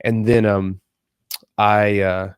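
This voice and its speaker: The host of this podcast has a fairly low, clean, congested-sounding nasal voice, and he takes it slowly with a flat delivery. It's a rambling, conversational, off-the-cuff show where he frequently says things twice, recorded at studio quality with no room sound.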